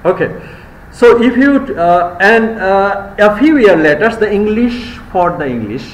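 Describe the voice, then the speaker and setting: In an echoey university classroom with a faint hiss, a male lecturer with a Bangladeshi accent teaches live in a blend of Bengali and English. His voice sits a little high with lively intonation; he hurries through his own explanations in rapid Bengali, then reads English quotations slowly and deliberately.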